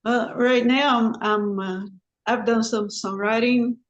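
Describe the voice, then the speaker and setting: A singer-songwriter woman from Sweden, a guest in an interview, who talks slowly and haltingly with many restarts. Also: fairly high pitch, fairly even intonation, muffled recording.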